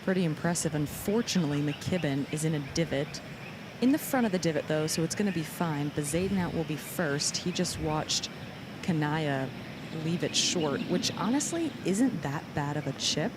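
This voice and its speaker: A golf commentator out on the course, giving matter-of-fact shot analysis. The delivery is explanatory, with clear outdoor noise around the voice. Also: mid-range voice, moderate pace.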